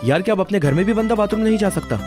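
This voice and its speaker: A man's voice: high voice, animated, racing. An actor dubbing an exasperated, grumbling young man in a TV drama. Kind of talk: dubbed drama. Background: music.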